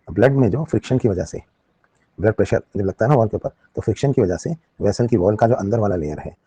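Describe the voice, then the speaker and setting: A man's voice: low voice, mellow, slightly rough. A man teaching a live online biology class, explaining with everyday examples and checking in with his students often.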